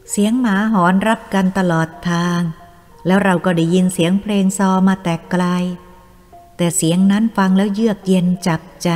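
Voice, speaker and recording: A woman narrating a Thai audiobook story in a steady, measured reading voice. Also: mid-range voice. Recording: long reverb, faint music.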